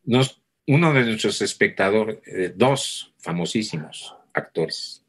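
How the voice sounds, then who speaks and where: A man, a theatre actor, telling anecdotes in relaxed conversation and acting out the people he quotes. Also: fairly low pitch, slow, breathy edge. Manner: animated storyteller acting out quoted voices. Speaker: theatre actor, interview guest.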